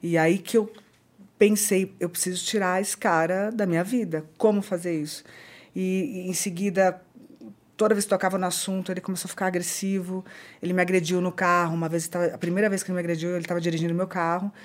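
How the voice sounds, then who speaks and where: A woman with a Brazilian accent, a podcast guest recounting a personal story in an earnest, halting way, often repeating herself. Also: lowish voice, little pitch movement.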